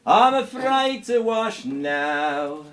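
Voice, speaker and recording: A man's voice: high-pitched, big pitch swings, a bit bright. A man performing a comic song at a folk club party, racing through wordy patter verses and telling jokes with a laugh in his voice. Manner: rattles off wordy patter verses at speed between slower sung lines; jokey storytelling, laughing as he goes. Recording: noisy live amateur recording.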